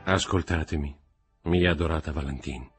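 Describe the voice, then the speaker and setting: A man's voice: on the low side, animated, normal speed, loud music behind the voice, voice pushed up, close to an everyday voice. Man playing a grave young lover. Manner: grave, earnest, slightly raised delivery. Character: earnest young man in love, grave and bitter.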